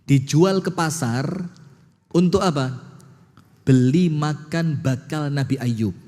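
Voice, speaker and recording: A man preaching a sermon, telling a story rhetorical questions to the audience and slowly chanting verses. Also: fairly high pitch, mellow, big-room sound.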